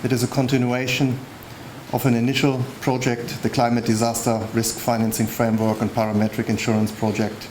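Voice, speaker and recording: Man, flat intonation, mid pitch, formal prepared address, measured, official, faint background noise. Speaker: United Nations official giving a speech. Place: public launch event venue.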